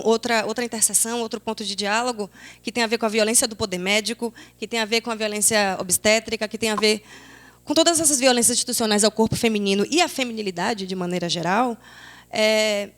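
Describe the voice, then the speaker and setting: A woman's voice: on the high side, quick pace. A woman in her twenties from Salvador with a Bahian accent, speaking as a panelist in a reflective discussion, thinking aloud with frequent restarts. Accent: Bahian Brazilian Portuguese. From Salvador, Bahia, Brazil. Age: 20s. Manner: thoughtful, searching, many restarts. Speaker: panelist, theatre critic.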